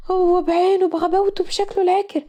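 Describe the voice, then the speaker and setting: A woman's voice: very high-pitched, level tone, fast, mellow, pitched above the performer's own voice. A woman voicing a sulky young female student with an Egyptian accent, complaining dramatically. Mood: whiny. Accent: Egyptian Arabic. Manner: whiny, exaggerated complaining.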